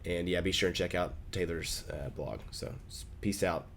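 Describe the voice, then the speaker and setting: A young man from Oklahoma telling a funny story to his vlog camera in a casual, animated way, with quick asides. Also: low-pitched, gravelly, a little hiss or hum. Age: young adult. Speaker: vlogger.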